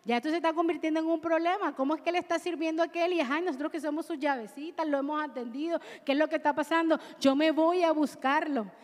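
A woman preacher voicing a frustrated, worried sister who complains in a hurried way, in a large hall. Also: high voice, steady tone, close to an everyday voice. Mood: complaining.

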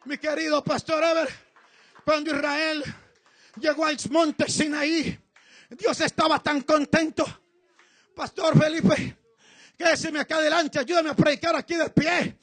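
A man preaching an impassioned sermon as pastor, shouting emphatic, repeated refrains. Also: very high voice, little pitch movement, unhurried, long pauses, no room sound.

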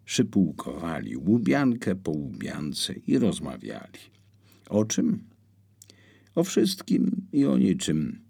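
Audiobook narrator, man: deep and gravelly, slow and expressive delivery. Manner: expressive storytelling with wide swings in pitch.

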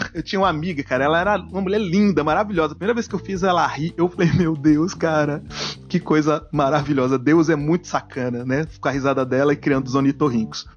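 A man's voice: a little high, muffled recording. A man in his forties hosting a casual comedic podcast, reacting to guests' stories and joking a lot. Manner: jokey, animated, acts out silly voices. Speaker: podcast host.

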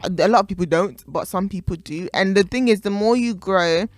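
A woman in her late twenties talking in a casual podcast chat, with punchy emphasis and big bursts of laughter. Her voice sits at a middle pitch. The sound is dry and close to the mic. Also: fairly quick, no echo. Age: 20s. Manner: animated, laughs loudly, emphatic. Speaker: podcast co-host.

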